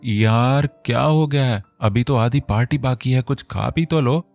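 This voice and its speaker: A man's voice: mid-range voice, a little slow, creaky, a little mellow, dry recording, soft background music, pitched above the performer's own voice. A man narrating an audio novel voices a caring young woman friend who coaxes her colleague to stay at the party. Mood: coaxing. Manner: coaxing, concerned.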